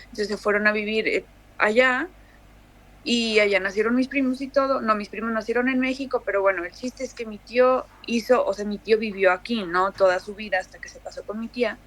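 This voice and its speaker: A woman's voice: mid-range voice, steady tone, fairly quick, a bit bright. A young Mexican woman with a Mexican accent, chatting casually as a guest, full of fillers and restarts. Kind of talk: casual conversation.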